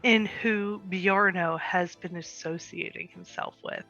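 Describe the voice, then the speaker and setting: Female game player, caring, slow delivery, bright edge, casual in-character talk over faint music. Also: lowish voice, steady tone, lo-fi sound. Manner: caring, nurturing. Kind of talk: casual in-character role-play.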